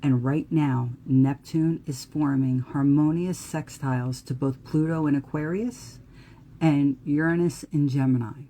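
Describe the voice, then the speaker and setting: A woman's voice: low voice, fairly even intonation, a little slow, mellow. A woman with a New Jersey accent giving a live astrology talk in an earnest, emphatic way. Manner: earnest, emphatic, occasional profanity.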